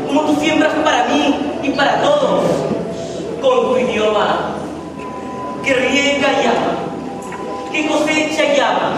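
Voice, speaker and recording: A young man declaims poetry like a hammy stage actor, solemn and emphatic, in a noisy, echoing hall. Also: very high voice. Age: teenager or young adult. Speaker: contestant in a poetry declamation contest. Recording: echoey hall from far off, noisy.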